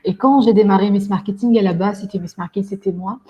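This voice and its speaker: As a podcast guest, this event organizer from Belgium speaks fast in a mid-range voice, and the recording is muffled. She talks at length, often hesitating and using fillers.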